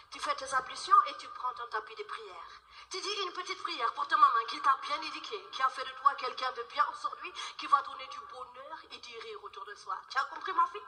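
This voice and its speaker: A woman's voice: high-pitched, sharp tone, big-room sound, far from the mic, heavily acted. A woman voicing a bossy, blunt older Senegalese auntie who scolds and commands on a comedy stage.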